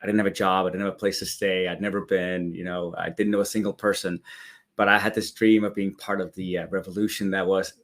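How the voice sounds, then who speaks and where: Enthusiastic low-voiced man from Denmark. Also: level tone, a little fast, fairly bright tone. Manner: enthusiastic storytelling. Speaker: interview guest, business executive. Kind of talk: conversational interview answers.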